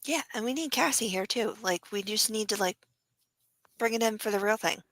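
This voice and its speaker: A woman's voice: medium pitch, normal speed, fairly bright tone, dry recording. A woman, chatting casually as an enthusiastic, supportive podcast co-host. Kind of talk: casual live podcast chat.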